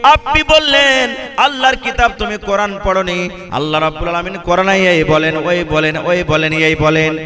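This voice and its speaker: A preacher voicing a remorseful young herder. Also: male voice, sits high, fairly even intonation, normal speed, lightly acted. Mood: pleading, remorseful. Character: young camel herder, uneducated, tearful and remorseful. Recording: music playing behind.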